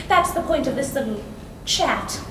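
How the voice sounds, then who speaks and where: Woman cast as a condescending, miserly employer on stage; very high, unhurried delivery; distant, roomy recording. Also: lively intonation, a bit bright, slight background noise, full character voice. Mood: mocking. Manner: condescending, sweetly mocking, laughs often. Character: stingy, mocking female employer of a governess. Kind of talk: stage play performance. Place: school stage before an audience. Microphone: distant room mic. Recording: echoey hall from far off.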